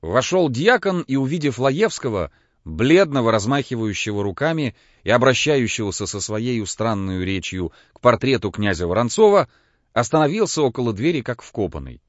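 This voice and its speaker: A man narrating a classic novel as an audiobook, in an expressive storytelling voice. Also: mid-range voice, normal speed, no echo. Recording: dull, dry lo-fi recording.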